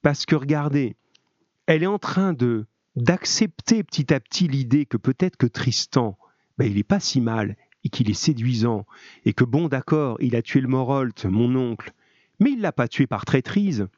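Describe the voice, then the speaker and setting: A French-accented man teaching, chatty and full of little asides as he reads a text aloud and comments on it. The audio is slightly dull and muffled, and the sound is dry and close with no room around it. His pitch sits in a middle range. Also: expressive, moderate pace, a little mellow, dry recording. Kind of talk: online class lesson, reading aloud and explaining.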